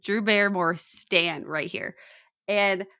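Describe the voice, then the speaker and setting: A woman's voice: mid-range voice, steady tone, slow pace, pushed and bright, clean tone, no echo, studio quality. A woman hosting a casual true crime podcast, upbeat and chatty, often laughing at her own stories. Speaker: podcast host.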